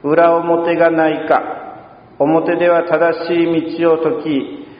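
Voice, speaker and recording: Unhurried priest preaching in a roomy church. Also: male voice, a little high. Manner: calm, measured preaching with long pauses. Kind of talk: sermon. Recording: dull, roomy church sound from a distance.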